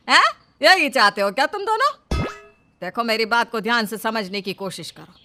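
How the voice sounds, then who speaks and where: A woman voicing a stubborn older mother-in-law who scolds loudly and waves off complaints. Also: medium pitch. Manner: loud, scolding, dismissive.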